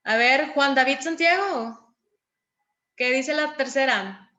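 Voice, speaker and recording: A woman teacher giving a class, patient and encouraging, calling on pupils and reading examples with clear intonation. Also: sits high, slow pace, bright, forceful tone, highs cut off. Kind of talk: online class lesson.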